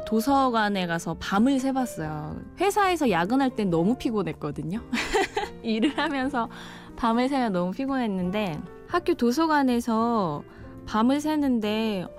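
A woman's voice: on the high side, darkish tone. A woman in her thirties, a tourist train attendant, answering an interview in an earnest, reflective way.

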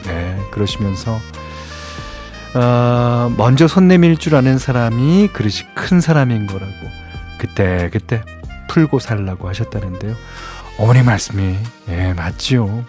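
Male radio host, mid-pitched, conversational patter, studio mic. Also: expressive, measured pace, a little mellow, faint music behind. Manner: chatty and conversational, with frequent affirming asides. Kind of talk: radio show chat reading listener messages. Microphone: studio microphone, close and dry.

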